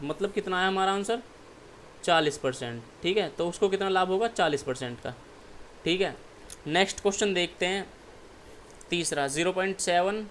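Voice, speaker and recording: This Indian maths teacher speaks in a high-pitched voice, with a little hiss or hum in the background. Solving exam problems one step at a time, he asks himself questions, answers them, and keeps saying "ठीक है" to check everyone's following.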